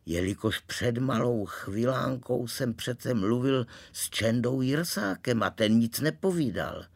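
A man reading a storybook aloud in a calm, wry, measured way, narrating as a young boy. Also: medium pitch. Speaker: reader.

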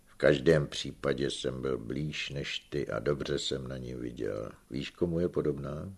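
A shrewd old peasant uncle in an audiobook, gruff and teasing as he scolds his nephew, with a man reading him. The voice sits very deep and gravelly, with a husky grain. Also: exaggerated voice. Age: older.

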